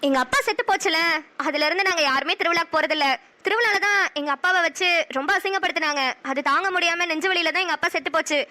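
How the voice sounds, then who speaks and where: A woman's voice: very high voice, fast talker, pushed and bright. A woman voicing an anxious, tender young village woman in a cartoon, emotional. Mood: sad. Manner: emotional, teasing then tearful. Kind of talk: cartoon dialogue acting.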